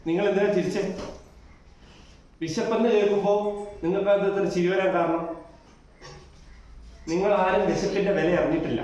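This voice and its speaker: A man playing a kind, earnest schoolteacher who coaxes his pupils gently and then lectures them on right and wrong, recorded from a distance in a very echoey room. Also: high-pitched, dull audio, slight background noise, lightly acted. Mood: stern scolding. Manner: gentle, coaxing, moralizing. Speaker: teacher. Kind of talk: amateur short-film acting. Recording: echoey room, mic far off.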